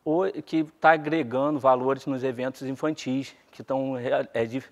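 A man's voice: mid-range voice, flat delivery, normal speed, in a large hall. A man in his thirties, a business partner, giving casual interview answers with tag questions on a lapel mic. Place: decorated party hall.

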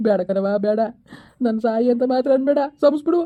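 A woman's voice: on the high side, brisk, narrow, tinny audio, close to an everyday voice. A woman playing a lazy village husband who fawns over and pleads with his wife, in a comedy skit. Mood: pleading. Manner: fawning then pleading.

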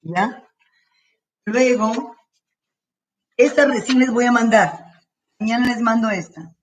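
A woman teacher giving slow, careful, repeated instructions to parents while straining her throat. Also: on the high side, distant mic, slight background noise, poor audio. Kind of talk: online class instructions to parents. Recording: voice from away from the mic.

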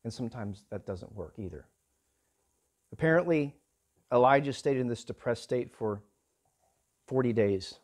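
A man delivers a sermon in a medium-pitched voice. He preaches earnestly, swelling louder on key points and dropping soft on others. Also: lively intonation, normal speed, pauses often. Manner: earnest preaching, rising and falling in volume. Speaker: pastor.

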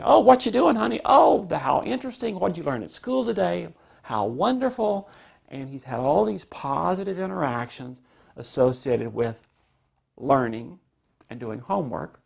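Gravelly man teaching a parenting class. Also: medium pitch. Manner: explanatory, uses examples, acts out quoted voices. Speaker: parenting instructor. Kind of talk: recorded parenting class lecture. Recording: dull lo-fi recording.

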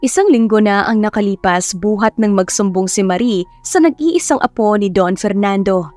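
A woman narrating a romance story in a steady, scripted storytelling voice. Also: mid-range voice, moderate pace, no room sound, soft background music.

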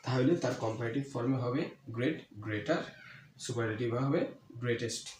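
A man teaching an English grammar lesson, repeating key words slowly and asking his own questions before answering them. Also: mid-range voice, darkish tone. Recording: echoey room with faint ambient noise.

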